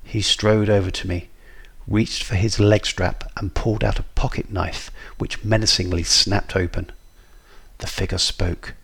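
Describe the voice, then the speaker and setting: A man narrating a children's story with lively expression. His voice is deep and gravelly, with a husky edge. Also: a little slow. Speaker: guest narrator. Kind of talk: storybook reading.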